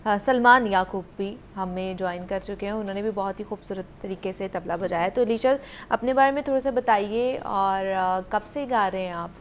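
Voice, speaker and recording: A woman hosting a morning TV show, interviewing a guest with praise and quick affirming interjections. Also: mid-range voice, slight background noise. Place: television studio.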